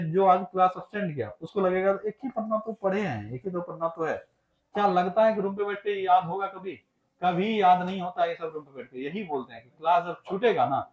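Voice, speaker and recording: A man's voice: sits high, highs cut off. A man from Bihar, teaching an exam-prep class and drilling students with repeated questions and answers. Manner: chants answers in a loud, laughing sing-song.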